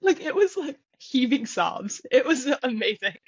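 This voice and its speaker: A woman's voice: sits high, big pitch swings, moderate pace, breathy edge, no echo, lo-fi sound. A woman co-hosting a podcast, chatting casually with lots of fillers and giggles. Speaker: podcast co-host. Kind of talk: casual chat. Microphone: podcast mic, eating on air.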